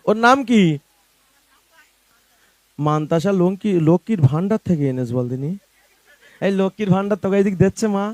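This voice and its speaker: A man, a devotional street singer, switching between drawn-out sung songs and affectionate, teasing banter. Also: high voice, darkish tone, no echo.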